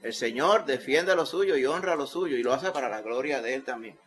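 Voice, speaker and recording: Emphatic Puerto Rican pastor preaching. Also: male voice, mid-range voice, expressive, brisk. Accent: Puerto Rican Spanish. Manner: emphatic preaching, rising loud when quoting scripture. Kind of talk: sermon.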